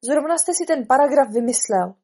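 A woman's voice: sits high, animated, darkish tone, pitched above the performer's own voice. A woman voicing a bold, indignant girl who talks back to the court. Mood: defiant. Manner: indignant and defiant.

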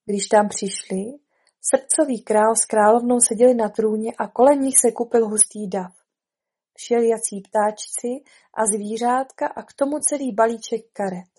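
A woman narrating a storybook in a calm, expressive way. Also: on the high side, slightly rough.

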